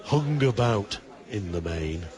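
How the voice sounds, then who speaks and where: A man giving live darts commentary, measured and analytical, with considered pauses. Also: fairly low pitch, animated, over music. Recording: busy crowd behind commentary. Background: darts crowd.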